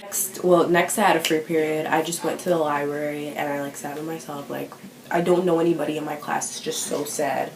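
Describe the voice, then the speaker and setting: A woman's voice: deep voice, fairly even intonation, fairly quick, echoey room, background noise. A teenage girl chatting to the camera in a vlog, self-conscious and full of fillers. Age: teens. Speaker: vlogger. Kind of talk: casual chat.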